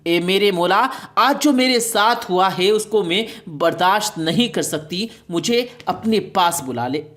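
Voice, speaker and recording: A woman's voice: medium pitch, animated, a bit bright, natural voice. A woman voicing a pleading old mother. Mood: lamenting.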